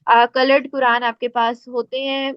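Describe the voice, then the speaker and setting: A woman with a Pakistani Urdu accent teaches Quran recitation in a relaxed, patient lesson, stopping to recite examples slowly. Her voice sits high. The recording is dry and slightly muffled. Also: smooth, no room sound. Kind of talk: casual spoken lesson.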